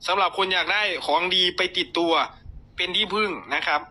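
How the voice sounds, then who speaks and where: A man with an Isan Thai accent, hoarse from a cold, casually chatting with viewers on a lottery tips livestream and reading numbers aloud. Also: high voice, fairly even intonation, a little fast, pushed and bright.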